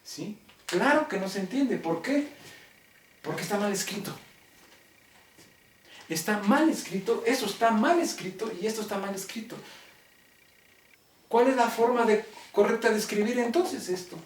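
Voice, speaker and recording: A man with a Mexican accent teaching a logic class, talking deliberately and constantly checking that students follow. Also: sits high, slight background noise. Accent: Mexican Spanish. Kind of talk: classroom lecture. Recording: roomy classroom, mic far off.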